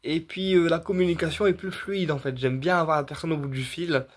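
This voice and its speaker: A man's voice: fairly high pitch, fairly even intonation, a little fast. A man, a medium casually explaining his readings straight to his viewers, rambling with many fillers, restarts and repetitions. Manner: addresses viewers directly, checking in with "d'accord". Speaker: medium offering paid readings. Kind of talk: casual direct-to-camera explanation.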